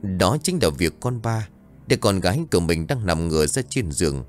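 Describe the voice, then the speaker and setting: A man reading a scripted ghost story aloud in a dramatic, expressive way. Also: low voice, normal speed, faint music behind.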